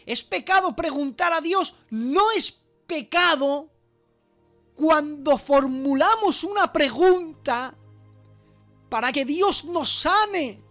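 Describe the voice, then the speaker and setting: Slow, high-voiced man preaching earnestly. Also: lively intonation, sharp tone, faint music behind. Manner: earnest, emphatic preaching with rhetorical questions. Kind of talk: sermon preached over a walkie-talkie app service.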